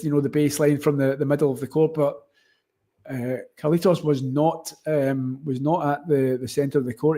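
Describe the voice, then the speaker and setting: Male sports stream host, broad Scottish accent, slightly higher-pitched voice, casual and hesitant, wordy live commentary. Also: dark tone. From Scotland. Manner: hesitant, wordy, often rewording mid-sentence.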